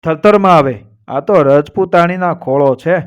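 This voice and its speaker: A proud, fearless old Rajput matriarch who speaks with firm conviction, as a male storyteller voices her. She recites verse in a slow, measured way in a fairly high voice. The delivery stays earnest and resolute. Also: smooth, highs cut off, close to an everyday voice. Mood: firm, protective. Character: proud older Rajput woman, fearless protector.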